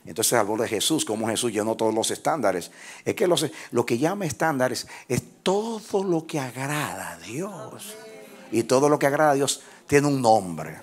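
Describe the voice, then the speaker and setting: A man preaching a sermon as pastor, who leads his congregation in call-and-response and rises into shouted, half-sung phrases. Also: medium pitch, expressive, moderate pace, slightly rough. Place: church with congregation.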